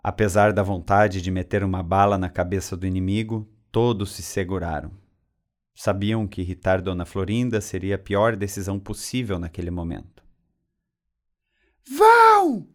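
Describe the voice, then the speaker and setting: A man reading a story aloud in a steady, even way. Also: low voice, normal speed. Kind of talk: reading fan fiction aloud.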